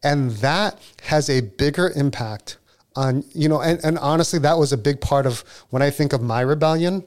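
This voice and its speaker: A man's voice: fairly high pitch, normal speed, darkish tone. A man in his forties, talking about faith and parenting in a casual chat. He is earnest and reflective and pokes fun at himself. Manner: earnest, reflective, self-deprecating.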